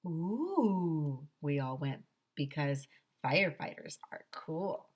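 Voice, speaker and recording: A middle-aged teacher with a fairly low voice reads a children's chapter book to kids, speaking a little slowly into a headset microphone in a small decorated room. The story is in a schoolboy's first person, and she tells it as a schoolkid would. Her reading is animated and expressive, with theatrical emphasis on words.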